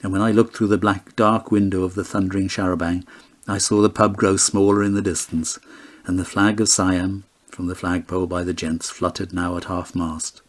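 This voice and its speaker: A man reading a story aloud in a low voice. He narrates lyrically and with a steady storytelling rhythm. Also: moderate pace. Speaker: audiobook narrator. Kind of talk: audiobook narration.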